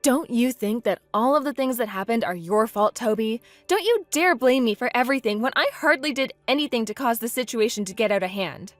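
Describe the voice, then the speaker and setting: A woman plays a wounded, indignant bride with a high voice, speaking in an upset, pleading way. The sound is dry and close, with faint music underneath in this text-message story. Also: animated, brisk, hardly any pauses, no echo, lightly acted. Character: hurt, indignant young bride.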